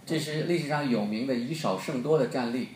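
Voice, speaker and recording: A man's voice: mid-range voice, brisk, a little mellow, a little hiss or hum. Brief: Beijing man, storytelling preacher, joking, reverberant hall. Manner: joking, quizzes the audience. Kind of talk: storytelling sermon.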